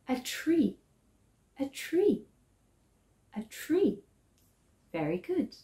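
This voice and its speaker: A young woman telling a children's story and teaching signs, signing while speaking with deliberate phrasing and pauses. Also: medium pitch, darkish tone. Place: small living room, indoors, seated on a sofa. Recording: echoey living room.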